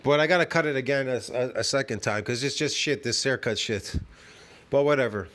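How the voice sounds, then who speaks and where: Medium in pitch, a bit bright, and a little fast, this man's voice belongs to a fitness video host in his fifties. Filming a reaction video at home, he rants scornfully and profanely, peppering his talk with "man" and "bro."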